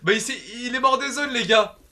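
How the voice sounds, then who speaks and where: A man streaming a video game live, commenting excitedly and calling out loudly to his viewers. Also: very high-pitched, brisk, slight background noise. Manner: excitable, loud outbursts to viewers.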